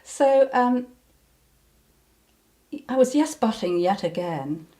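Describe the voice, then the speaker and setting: An older woman with a soft, mellow voice recalls her past in an unhurried interview. She hesitates often, restarts her sentences and fills the gaps with ums. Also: a little high, lively intonation. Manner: hesitant, many ums and restarts, breaks into laughter. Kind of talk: reflective personal recollection.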